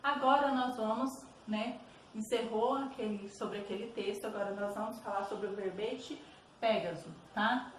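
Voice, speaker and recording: A woman's voice: mid-range voice, normal speed. A Brazilian woman teacher explains exercises to her students patiently, checking in often with little questions. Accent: Brazilian Portuguese. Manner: patient, repeats "tá bom?" checks. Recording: roomy echo, distant mic, faint noise.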